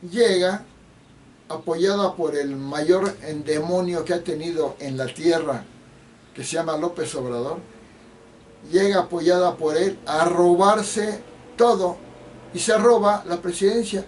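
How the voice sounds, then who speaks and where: Guy ranting about politics, pretty high voice, sounds kinda far from the mic. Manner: indignant, accusatory, with frequent restarts. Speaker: political commentator. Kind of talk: solo political rant. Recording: distant mic with faint background noise.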